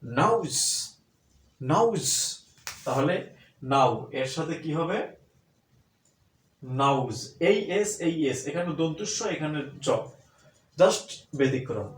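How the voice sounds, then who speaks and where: A man with a Bangladeshi accent who teaches English, drilling example phrases by saying them over and over, loud and drawn out. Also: on the high side, expressive, slow, long pauses. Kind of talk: spoken English lesson. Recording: echoey room.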